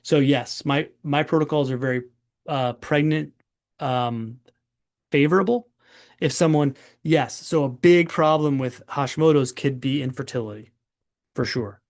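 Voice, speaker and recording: Brief: forties male doctor hosting webinar, gravelly and chatty. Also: medium pitch, measured pace. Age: 40s. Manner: chatty, long-winded, rambling. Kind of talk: casual webinar Q&A.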